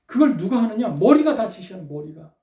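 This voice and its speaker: A woman preacher delivering a sermon, prodding her listeners with quick rhetorical questions. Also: medium pitch, big pitch swings, warm tone. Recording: roomy echo, distant from the mic.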